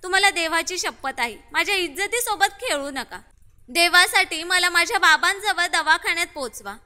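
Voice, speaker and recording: A frightened, tearful young woman pleads in a very high, bright voice, as a woman narrator reads her lines. Her words ring out with a long hall reverb in this read-aloud story. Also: moderate pace, heavily acted. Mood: tearful pleading.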